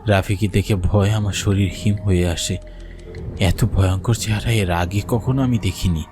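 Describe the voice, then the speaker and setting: Over music, a man with a lowish, steady voice speaks at a normal pace, lightly acting the part of a frightened young university student. He narrates a horror cartoon in the first person, telling his ghost story in a suspenseful, dramatic style full of fear.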